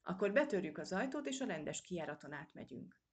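A woman's voice: fairly low pitch, very animated, slightly rough, full character voice. A woman voicing a spirited young male mouse adventurer who gives orders eagerly and impatiently.

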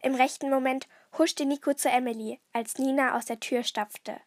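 A woman reading a children's detective story aloud in a lively, expressive way. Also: high voice, moderate pace, no room sound, studio quality.

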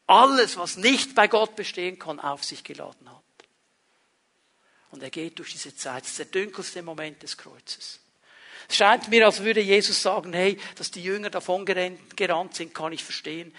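A man preaching a sermon as pastor, emphatic and swinging down to quiet, intense passages. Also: high-pitched.

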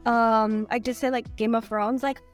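On a podcast, a Canadian woman who is a guest author chats and rambles, using "like" over and over. Her voice is on the high side, steady and at a normal speed, with soft music in the background.

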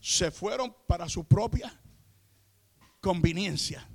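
A Puerto Rican man preaching a fervent sermon, peppered with amén and aleluya, who has the congregation repeat after him and builds to shouts. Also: high-pitched, slow pace, gravelly. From Puerto Rico. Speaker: pastor.

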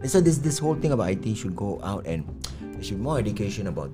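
Singaporean male, low register, opinionated casual talker, music bed of guitar. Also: big pitch swings, racing. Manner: colloquial, opinionated, uses Singlish particles. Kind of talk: casual chat. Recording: music playing under the voice.

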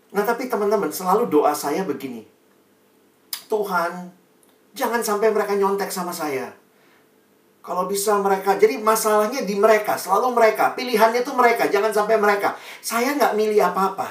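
Man preaching in an echoey room. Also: high voice. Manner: storytelling, acts out quoted friends. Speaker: pastor. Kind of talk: sermon testimony. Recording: echoey room, distant mic.

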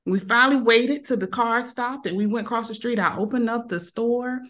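A woman's voice: fairly high pitch, moderate pace, a bit bright. A woman in her thirties, a podcast guest, telling a personal story in casual talk and acting out the voices of the people in it. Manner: emotional retelling, acts out quoted voices.

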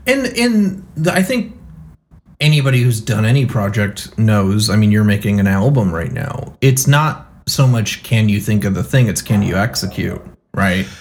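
A man's voice: fairly low pitch, animated, moderate pace, a little hiss or hum. Podcast cohost guy, kinda wry, rambles with lots of ums and side notes. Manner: rambling, wry, many fillers and asides. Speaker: podcast co-host. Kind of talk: casual chat.

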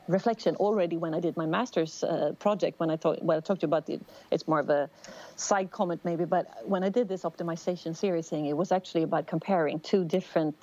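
A middle-aged Swedish woman with a Swedish accent, a telecom executive appearing as a guest, gives a thoughtful answer in a conversational interview, using many fillers and restarts. Her voice is fairly low and dark, and the audio sounds dull.

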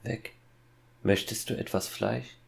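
A man's voice: fairly low pitch, takes it slowly, vocal fry, exaggerated voice. A man doing a cold, sinister boy. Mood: cold menacing. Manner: cold and calm, quietly threatening. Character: cold, menacing young boy.

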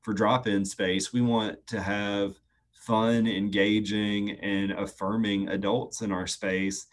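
A man speaks in an interview. He explains things earnestly and steadily. He often pauses on "um" as he thinks. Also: on the low side, level tone. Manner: earnest, measured, frequent "um" fillers. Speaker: youth nonprofit staff guest. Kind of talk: conversational interview answers.

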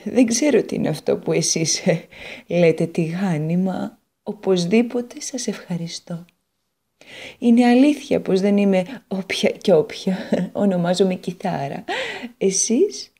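A woman's voice: lowish voice, mellow. A woman voicing a proud, wistful female guitar in a children's storybook read on the radio, sighing and bitter as she talks. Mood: polite.

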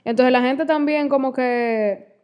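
A woman co-hosting a podcast in relaxed casual chat, with lots of fillers. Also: high-pitched, a little slow, clean tone. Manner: chatty, frequent fillers. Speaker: podcast co-host.

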